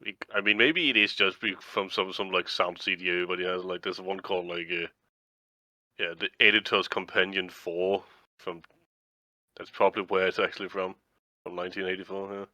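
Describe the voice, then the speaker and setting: Co-hosting a let's play, a man chats casually while gaming, rambling, swearing often, and trailing off mid-sentence. His voice is deep and steady with a sharp tone, a little fast, and recorded without echo.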